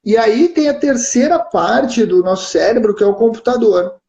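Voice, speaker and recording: A man's voice: very high-pitched, expressive, moderate pace, vocal fry, dark tone. A man with a southern Brazilian gaúcho accent, co-hosting a live stream and explaining patiently, often checking in with "né?" and "certo?". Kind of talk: explanatory casual chat. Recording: roomy, dull live-stream audio.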